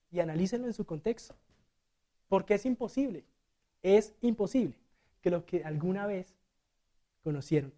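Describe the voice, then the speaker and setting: A man preaching a sermon as a deacon in a church. He swings between loud and hushed delivery and acts out the quotes. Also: high voice.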